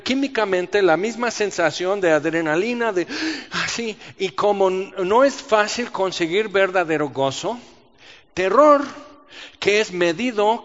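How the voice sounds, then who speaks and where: A man preaching a sermon, animated, asking rhetorical questions and acting out the voices he quotes. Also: high-pitched. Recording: dull sound with long reverb in a large hall.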